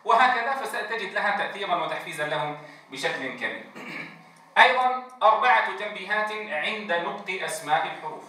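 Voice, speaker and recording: A man lectures to a class of Quran teachers in a lecture room. He draws out letter names slowly as he demonstrates them and often checks whether everyone has followed. His forceful, high voice rings around the very echoey room. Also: lively intonation. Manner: drawn-out demonstrations of letter sounds, frequent check-ins with the class. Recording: very echoey room, distant mic.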